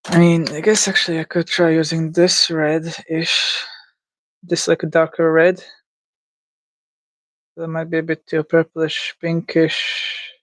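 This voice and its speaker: A streamer from Latvia talks through a drawing live, thinking aloud. The voice sits in an ordinary middle pitch. The sound is dry and close, and the talk stays unsure and gently self-mocking. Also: monotone, unhurried, pauses often, no echo. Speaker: livestreamer. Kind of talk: casual commentary while drawing live.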